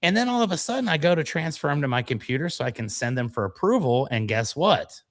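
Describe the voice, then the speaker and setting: A man co-hosts a casual radio show, spinning stories in a self-deprecating, mock-dramatic style. His voice is a little high and sing-song, and he talks fast. He also works as a voiceover performer.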